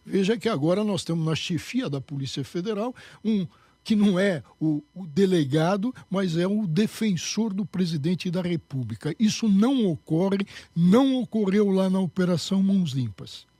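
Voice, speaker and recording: Emphatic man, dark husky voice. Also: sits high, lively intonation, normal speed, no echo. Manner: emphatic, lecturing. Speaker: interview guest, candidate. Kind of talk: political interview answers.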